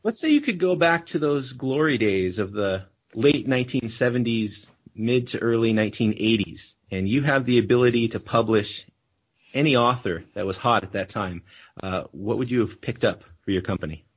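A man's voice: mid-range voice, expressive, normal speed, slightly rough. A man hosting and narrating a tabletop game as game master, playful and teasing with vivid narration. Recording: dull lo-fi audio.

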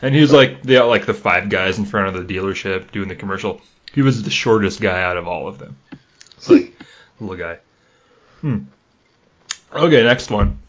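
This young Upper Peninsula podcast host has a Yooper accent and a chatty, rambling style, laughing easily while he quizzes his co-host. His lowish voice has lively intonation at a moderate pace with frequent pauses, over dull lo-fi audio carrying a little hiss or hum.

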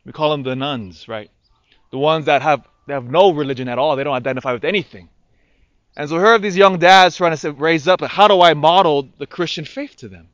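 Clear-voiced male priest, slightly high. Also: brisk, a bit bright, dry recording, highs cut off. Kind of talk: liturgical reading and homily.

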